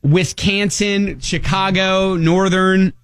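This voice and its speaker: A radio co-host from Ohio tells a story in a relaxed on-air conversation, often restarting himself quickly. His voice is high and slightly nasal, steady in tone, a bit bright and smooth. The recording is dry.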